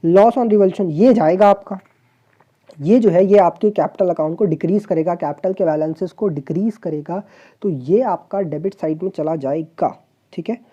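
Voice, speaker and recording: Woman commerce tutor, deep mellow tone, quizzes students rhetorically, muffled lo-fi audio. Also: moderate pace. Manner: explains step by step, asks the class rhetorical questions; mixes English terms into Hindi explanation. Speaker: commerce teacher. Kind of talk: online exam-prep class.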